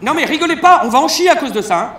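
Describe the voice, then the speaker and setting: A male stand-up comedian on a concert hall stage, telling crude, mocking stories in an animated way. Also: extremely high pitch, fast talker, slight background noise. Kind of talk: satirical stand-up press review. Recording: roomy live hall sound.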